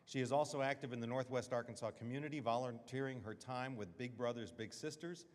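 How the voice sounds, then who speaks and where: A man's voice: mid-range voice, fairly quick. A man presenting an award, steadily reading a scripted introduction of the winner's achievements in a large hall. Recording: long hall reverb.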